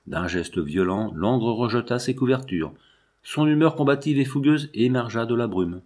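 A man narrating a novel aloud as an audiobook reader, in a measured, even way. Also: medium pitch.

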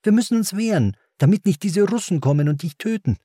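Man putting on a high, eager twelve-year-old boy, insistent, pleading, storybook reading. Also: lively intonation, a little fast, warm tone, breathy edge, no room sound, clean studio sound.

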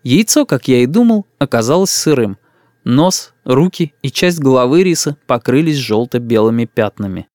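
A man narrating a first-person tale with lively, varied intonation. His voice sits in a mid register. The recording is dry and close. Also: medium pitch, moderate pace, dry recording. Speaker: audiobook reader.

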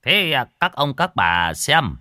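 A man's voice: medium pitch, very animated, slow, sharp tone, no echo, clean studio sound, pitched above the performer's own voice, exaggerated voice. A man voicing a brusque, greedy old village sorcerer who scolds everyone around him. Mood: pompous.

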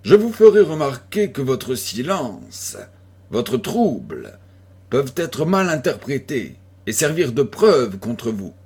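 Man voicing a calm police commissioner. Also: medium pitch, slightly rough, full character voice. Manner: calm, measured questioning. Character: calm, authoritative middle-aged police commissioner.

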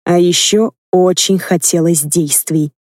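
A woman reading a first-person fantasy audiobook with lively, expressive narration. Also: lowish voice, measured pace, no echo, clean studio sound. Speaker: audiobook reader.

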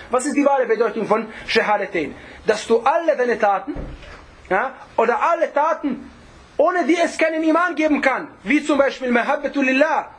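A man teaching a religious lesson, reciting Arabic passages rapidly and then explaining them again and again with rhetorical questions to the class. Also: very high-pitched, slight background noise.

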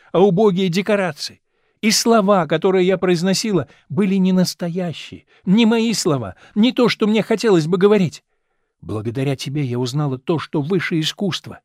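A man's voice: sits high, a little mellow, dry recording, studio quality, pitched above the performer's own voice. A man reading as a young actress in love. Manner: earnest, declamatory reading.

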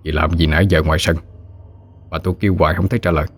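A man's voice: low-pitched, level tone, very fast. A man doing a blunt, puzzled older man. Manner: questioning, blunt.

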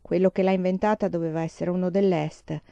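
A woman's voice: lowish voice, steady tone, fairly quick, creaky, mellow, dry recording. A woman reading the part of a cheerful, joking pioneer father in an audiobook, in her own voice. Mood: playful.

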